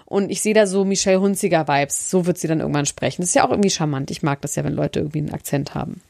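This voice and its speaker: Chatty woman with creaky voice. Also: sits low, racing, darkish tone, no room sound, clean studio sound. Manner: chatty, colloquial, self-correcting. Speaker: gossip podcast co-host. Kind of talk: casual chat about celebrity gossip.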